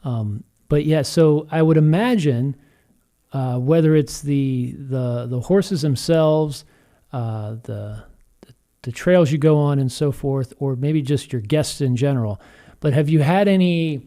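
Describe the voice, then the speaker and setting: A man's voice: on the high side, unhurried, mellow. A man hosting a podcast interview, asking hesitant, roundabout questions with frequent restarts. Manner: hesitant, many fillers and restarts. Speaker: podcast host. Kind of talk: casual interview.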